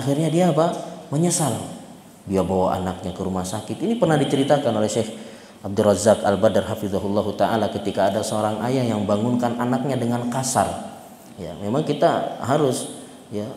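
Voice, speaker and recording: A man's voice: lowish voice, a little fast, a little hiss or hum. A man giving a mosque sermon. He tells stories and keeps asking the congregation rhetorical questions. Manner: asks the congregation rhetorical questions, lively storytelling. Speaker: Islamic preacher. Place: mosque hall. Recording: echoey reverberant mosque hall.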